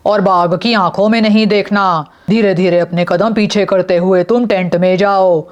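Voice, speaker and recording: A woman voicing a calm, brave young father who speaks steadily and gives firm orders. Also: medium pitch, moderate pace, dull audio, natural voice. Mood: steady. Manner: steady, commanding, reassuring.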